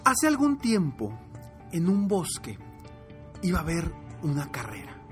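A man, a motivational coach and podcast host, telling a fable in an animated, repetitive way. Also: fairly high pitch, a little slow, soft background music. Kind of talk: motivational storytelling.

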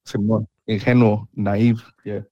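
A man's voice: lowish voice, little pitch movement, takes it slowly, mellow, no room sound, dull audio. Blunt, slangy man, dry sound. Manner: blunt, slangy and laid-back. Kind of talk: casual chat.

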